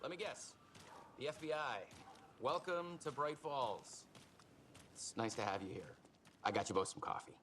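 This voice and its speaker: A man's voice: medium pitch, moderate pace, pauses often, a bit bright, natural voice. A man playing an affable, welcoming small-town sheriff in a video game. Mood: friendly. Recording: faint background ambience noise.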